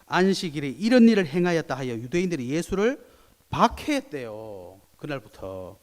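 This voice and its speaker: A man's voice: on the high side, normal speed. Pastor guy w/ preaching, swings his voice all over, big church echo. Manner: animated preaching, acts out quoted voices. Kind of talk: sermon. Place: church sanctuary. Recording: long church hall reverb.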